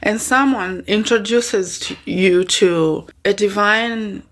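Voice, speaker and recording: A woman's voice: medium pitch, slow pace, a bit bright. Woman giving an informal spiritual talk. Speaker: spiritual teacher and coach. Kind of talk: informal spiritual teaching talk to an online audience.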